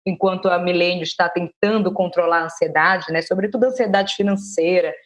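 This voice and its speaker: A woman's voice: fairly low pitch, fairly quick. Enthusiastic young woman hosting a podcast. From Salvador, Bahia, Brazil. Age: 20s. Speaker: podcast host. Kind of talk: conversational podcast interview.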